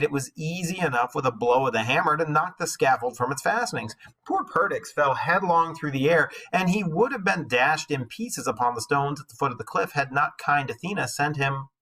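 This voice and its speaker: A teacher with a bright, fairly forceful, husky-edged voice at medium pitch shifts between expressive storytelling read aloud and casual classroom explanation, chatting and commenting as he goes. The recording is rough.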